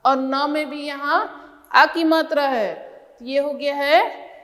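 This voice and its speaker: A woman's voice: high voice, steady tone, slow pace, fairly bright tone, big-room sound. A woman teacher giving a kindergarten reading lesson, sounding out letters and syllables one by one.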